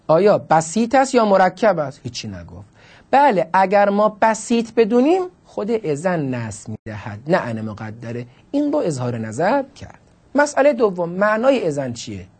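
A man's voice: high-pitched, sing-song, a little mellow, breathy edge. A man teaching Arabic grammar in a classroom lecture, explaining the text line by line with questions and emphatic stresses.

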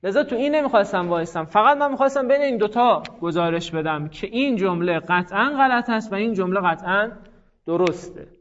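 A man's voice: sits high, expressive, a bit bright, highs cut off. A man giving a classroom grammar lecture, explaining step by step and putting questions to his students. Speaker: teacher of Arabic grammar.

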